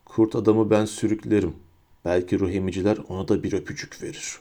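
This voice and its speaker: A man voicing a cold, menacing adult male wizard teacher in an audiobook, speaking low with a silky, hissing menace. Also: steady tone, fast talker, warm tone, close to an everyday voice. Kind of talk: audiobook character voice.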